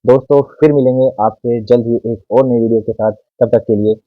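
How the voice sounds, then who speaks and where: A man teaching a lesson, slowly and deliberately sounding out each letter. The recording is dry and somewhat dull, like a lo-fi home setup. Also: mid-range voice, fairly even intonation, no echo, faint music behind. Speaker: Hindi teacher. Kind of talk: explanatory lesson to camera.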